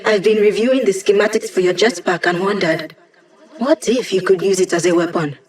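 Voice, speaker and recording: A woman's voice: mid-range voice, brisk, darkish tone, close to an everyday voice. An actress playing a young digital hacker woman in a video game, wry and playful, with casual, teasing tech-geek banter. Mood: breezy. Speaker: hacker support character guiding a squad. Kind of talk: video game character voice lines.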